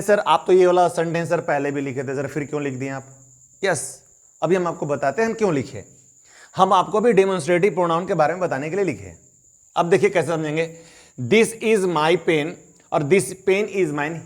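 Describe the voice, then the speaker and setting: Male teacher with a high voice, explaining step by step and voicing students' questions. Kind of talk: classroom-style grammar lesson.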